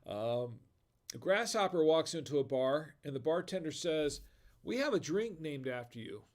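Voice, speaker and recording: An American man hosts a casual live stream, telling corny bar jokes, chuckling at his own dad jokes and reading viewer chat comments aloud. His voice is on the high side and expressive, at a moderate pace.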